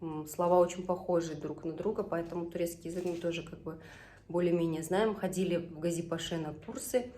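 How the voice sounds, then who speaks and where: Her voice sits on the low side, warm and fairly even in intonation, and she talks briskly. She's a mother in her thirties from Tatarstan, a native Tatar speaker, vlogging casually from her kitchen as she cooks and repeatedly pauses to direct her children.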